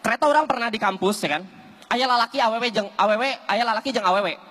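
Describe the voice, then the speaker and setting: A man's voice: high-pitched, fast talker, a bit bright, big-room sound. A man doing stand-up comedy on stage, teasing and addressing the audience. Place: stage before a live audience.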